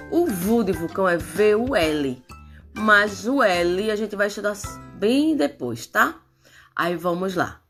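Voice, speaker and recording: A middle-aged woman teaching young children how to sound out syllables. She talks at an unhurried pace and stretches each sound so the class can follow along. Soft music plays faintly in the background. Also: mid-range voice. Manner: slow, drawn-out syllables, animated coaxing. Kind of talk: children's phonics lesson.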